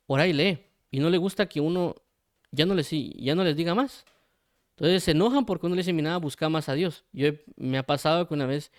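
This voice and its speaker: A man giving an informal Bible commentary, talking conversationally with many pauses and acting out imagined exchanges between people. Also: on the high side, smooth, no echo, clean studio sound. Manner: conversational, acts out imagined dialogues; hesitant, frequent fillers and restarts. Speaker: Bible teacher.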